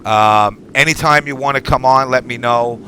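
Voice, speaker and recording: A man's voice: medium pitch, moderate pace, sharp tone, slight background noise. A man hosting a live online talk show in an informal, rambling way. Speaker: show host.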